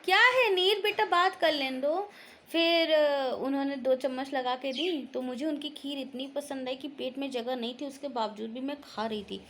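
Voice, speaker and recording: A young woman with a fairly high voice chats to camera in a loose, storytelling way, sounding tired and sleepy. Faint noise hums behind her. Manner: chatty storytelling, quoting relatives. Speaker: vlogger. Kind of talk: casual chat to camera.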